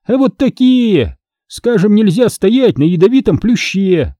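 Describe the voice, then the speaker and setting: A man voicing a mischievous, boastful teenage boy in an audiobook, loud and taunting. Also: sits high, sing-song, a little slow, no room sound, studio quality, voice pushed up. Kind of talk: audiobook character voice.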